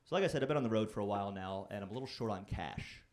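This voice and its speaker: A man's voice: lowish voice, racing, a little mellow. A man performing a stand-up set on a comedy club stage, telling stories in a conversational, self-deprecating, wry way into a handheld mic.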